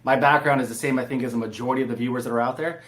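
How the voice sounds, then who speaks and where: Rapid-fire and a bit bright, this medium-pitched man keeps his intonation fairly even. He's a San Diego, California real estate entrepreneur guesting on a podcast, telling his story casually and personably.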